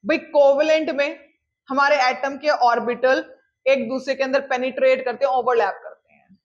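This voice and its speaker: A high-pitched woman delivers a chemistry lecture, slowing down to dictate definitions and checking in with her students again and again. The recording sounds a little dull and lo-fi. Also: steady tone. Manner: checks in often with "clear?", calls students "beta"; mixes English phrases into explanations, dictates definitions slowly. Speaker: chemistry teacher. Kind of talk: classroom lecture.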